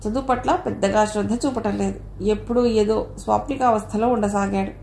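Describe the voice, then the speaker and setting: A woman narrating an audio novel in a steady storytelling manner, her voice at a middle pitch. The recording is roomy with a noticeable echo and a faint hiss underneath. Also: fairly quick, gravelly. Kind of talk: scripted narration.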